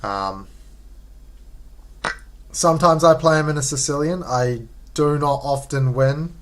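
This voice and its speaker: A man's voice: on the high side, measured pace, fairly bright tone. Laid-back New Zealand man streaming chess. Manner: laid-back, slangy, chatting to viewers. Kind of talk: casual live game commentary.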